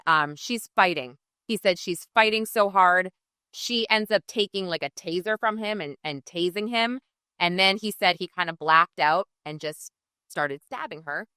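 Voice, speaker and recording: A woman's voice: fairly low pitch, pushed and bright, clean tone, no room sound. A woman, a crime reporter, telling a harrowing courtroom story as a guest on a live podcast, earnest and rambling with many restarts. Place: pizzeria before live audience.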